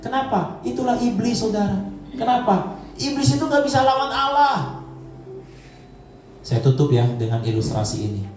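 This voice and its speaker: A man preaching a sermon as pastor, telling stories in a lively way and acting out the voices of the people he quotes. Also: sits high, normal speed, pauses often, slight background noise. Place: church hall. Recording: echoey church hall, mic from a distance, faint music.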